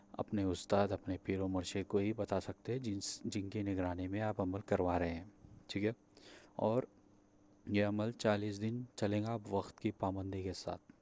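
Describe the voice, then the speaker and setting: Pakistani urdu guy explaining a ritual, low mellow voice, keeps saying theek hai, bit of background hiss. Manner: repeats steps, checks in with "theek hai"; hesitant, with fillers and restarts. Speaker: spiritual practitioner teaching a ritual. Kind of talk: spoken instruction to viewers.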